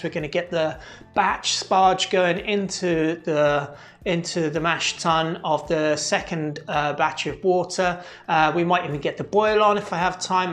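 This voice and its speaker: Relaxed homebrewer explaining each step. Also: mid-range voice. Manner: relaxed, explanatory, many fillers. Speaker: homebrewer hosting the channel. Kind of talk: casual how-to narration.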